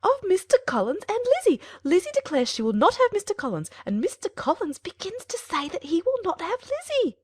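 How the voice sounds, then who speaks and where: A woman's voice: very high voice, sing-song, a little fast, few pauses, dry recording, studio quality. A woman playing a self-pitying, nagging middle-aged mother in a dramatized audiobook, theatrical and insistent. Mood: agitated, urgent.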